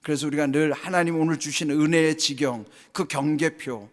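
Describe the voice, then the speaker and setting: A male pastor preaches with an emphatic, fairly high voice that swings from loud declarations to hushed asides. He presses his congregation with rhetorical questions. His voice carries a long church reverb around it. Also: fairly even intonation, normal speed. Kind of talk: sermon. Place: church sanctuary.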